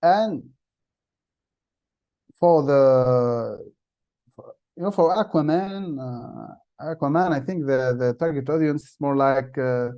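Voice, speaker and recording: A man giving an online masterclass over a video call, talking haltingly with many fillers and restarts and loose phrasing. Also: mid-range voice, dark tone, highs cut off. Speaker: masterclass instructor. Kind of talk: online workshop talk.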